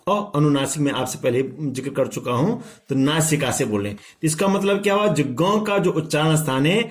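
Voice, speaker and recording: A man teaching a pronunciation lesson to students, saying each sound slowly and repeating it for them to echo. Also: on the high side, animated. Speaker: Hindi teacher. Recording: echoey room.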